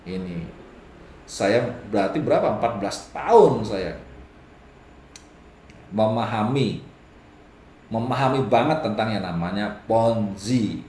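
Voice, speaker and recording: Male business coach for a live stream. Lively, swooping delivery that keeps jumping up to mimic other people, with frequent laughs. Recorded with a roomy echo. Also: slow pace, pauses often, a little hiss or hum. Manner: animated, laughs often, mimics people in a higher voice. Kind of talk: live-stream talk answering viewer comments.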